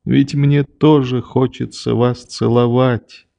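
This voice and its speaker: A man's voice: medium pitch, flat delivery, takes it slowly, vocal fry, dark tone, no echo. A man reading the lines of a young woman who tearfully urges her father to rise and kiss her. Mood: urging. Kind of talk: audiobook reading.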